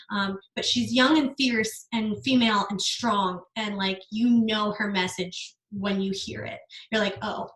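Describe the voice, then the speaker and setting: Earnest young woman coaching in an echoey room. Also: medium pitch. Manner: earnest, energetic, casual with occasional swearing. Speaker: business coach giving a masterclass. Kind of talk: casual online masterclass.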